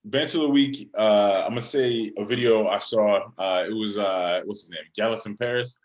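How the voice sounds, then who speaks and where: Relaxed man in an echoey room. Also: fairly low pitch, normal speed. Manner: relaxed storyteller, hesitant with many "uh"s. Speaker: podcast co-host. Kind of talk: casual chat.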